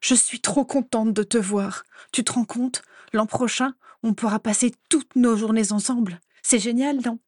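A woman voicing a bubbly, excitable young girl in a storybook reading, gushing and eager. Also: quick pace, few pauses, no echo, clean studio sound, natural voice. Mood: excited. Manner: gushing, eager, high and breathless.

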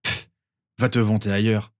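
A man's voice: on the low side, little pitch movement, normal speed, natural voice. A man voicing a brash, boastful teenage boy who hates losing in a read-aloud story. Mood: cocky. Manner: cocky, brash.

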